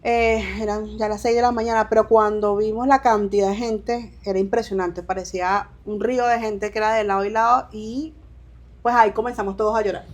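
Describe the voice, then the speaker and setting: A woman from Venezuela, in her thirties, telling her migration story as an interview guest in halting speech with restarts and quoted dialogue. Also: mid-range voice, fairly even intonation. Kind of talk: emotional personal testimony.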